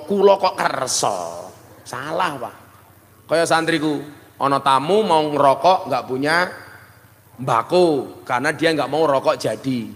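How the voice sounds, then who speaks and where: A middle-aged man with a Javanese accent preaching a humorous sermon, joking and switching between his own talk and mock voices. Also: on the high side. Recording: long hall reverb.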